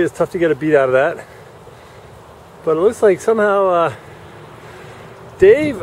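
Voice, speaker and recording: This man's voice is high-pitched and slightly mellow, with vocal fry. Outdoors at a yacht club dock, he gives live coaching commentary on a sailing race, laying out the rules as the boats pass, while a faint wind murmurs in the recording.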